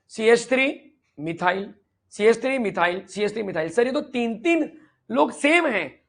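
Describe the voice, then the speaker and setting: A man teaching chemistry in an online lecture, lively and playfully teasing, asking students questions and answering for them. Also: sits high, gravelly.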